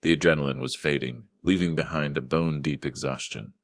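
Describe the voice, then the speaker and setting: Very deep-voiced older man narrating. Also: steady tone, a little fast, no room sound, studio quality. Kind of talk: first-person story narration.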